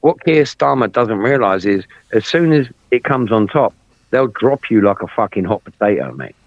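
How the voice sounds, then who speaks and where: A man's voice: fairly low pitch, sing-song, moderate pace, dry recording. Blunt, sweary man. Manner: blunt, swears freely, repeats himself. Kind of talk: casual political chat. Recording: dry, dull lo-fi sound.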